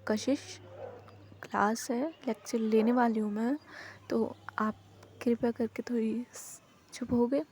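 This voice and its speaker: A woman's voice: a little high, level tone, normal speed, close to an everyday voice. Polite playful young lecturer, voiced by a woman. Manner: polite and gently teasing.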